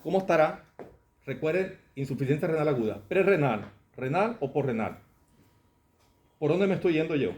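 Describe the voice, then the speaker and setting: Echoey medical lecturer quizzing students. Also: male voice, a little high, expressive, moderate pace, pauses often, a little mellow. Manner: conversational, asks the class questions. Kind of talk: classroom lecture on clinical cases. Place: lecture hall. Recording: echoey classroom, faint room noise.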